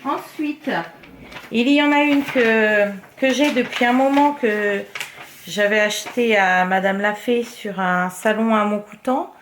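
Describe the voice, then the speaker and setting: A woman talks casually to her viewers about her craft projects, her voice sitting fairly high. She is chatty and full of little fillers. Now and then she drops to a soft murmur while she shows things off. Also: measured pace, slight background noise. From France. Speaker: craft vlogger. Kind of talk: casual show-and-tell chat.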